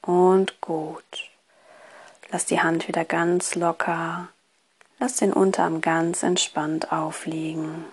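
Woman doing guided relaxation, soft slow hypnotist voice, kinda low, soothing. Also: little pitch movement, husky. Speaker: relaxation course instructor. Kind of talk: guided relaxation, scripted instruction.

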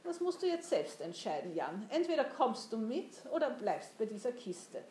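A woman's voice: a little high, big pitch swings, normal speed, darkish tone, slight background noise. A woman voicing a domineering, mocking older merchant who talks down to a boy in a storybook reading. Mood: commanding. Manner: commanding, mocking. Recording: roomy echo.

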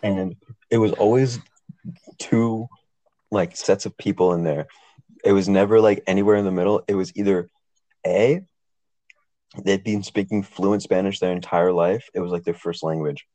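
A man's voice: low-pitched, steady tone, normal speed, pauses often, warm tone, no room sound, rough recording. A young man co-hosting a casual podcast, telling stories animatedly and swearing freely. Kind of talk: casual chat.

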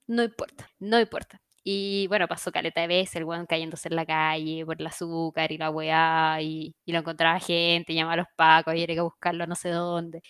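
A young Chilean woman chatting casually, slangy and expressive, often laughing. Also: fairly low pitch, clear, resonant tone, dry recording, clean studio sound. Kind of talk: casual chat.

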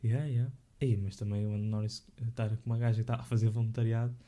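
A man's voice: lowish voice, level tone, fast talker, mellow, a little hiss or hum. A young man with a European Portuguese accent, chatting casually in slang with many fillers and restarts. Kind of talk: casual podcast chat.

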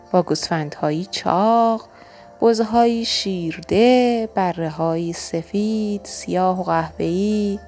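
A woman narrating a children's audiobook in an expressive, rhythmic storytelling manner. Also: mid-range voice.

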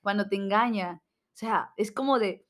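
A woman's voice: mid-range voice, normal speed. A woman in casual chat as a podcast co-host, joking with dry asides and frequent tag questions.

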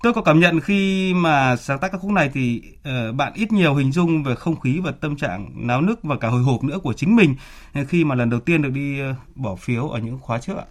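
A man's voice: mid-range voice, lively intonation, brisk. A man hosting a radio talk show and interviewing guests, speaking through a face mask. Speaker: radio host.

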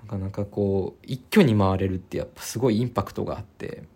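Low gravelly man rambling casually. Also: fast. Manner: relaxed, rambling, many fillers and restarts. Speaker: podcast host. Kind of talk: casual solo podcast talk.

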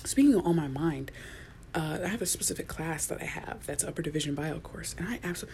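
Young woman, solo podcast host, lower-pitched, soft and rambling, many ums and restarts, slips into whispers, faint background rumble. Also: animated, fairly quick, gravelly. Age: young adult. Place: small enclosed room at work.

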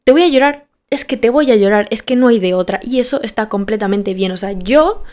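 A woman's voice: mid-range voice, lively intonation, fairly quick, darkish tone. A nineteen-year-old woman hosting a podcast, talking candidly and emphatically in a casual motivational monologue, repeating phrases for stress. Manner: candid and personal, self-deprecating. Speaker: podcast host.

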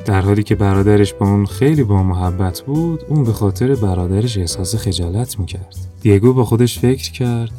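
A man narrating a children's story in a calm, even storytelling manner. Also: lowish voice, hardly any pauses, faint music behind.

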